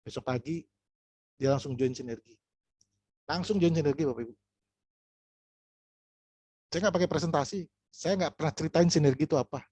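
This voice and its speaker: A man's voice: a little high, brisk, long pauses, darkish tone, breathy edge. A man giving a casual business training talk on a video call, telling stories, repeating his phrases and acting out both sides of conversations. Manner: storytelling, repeats phrases, acts out dialogue.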